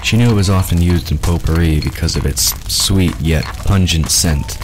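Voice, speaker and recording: Speaking at normal speed, a man with an extremely low voice narrates a scripted audio drama story. Faint ambience and noise sit behind his reading.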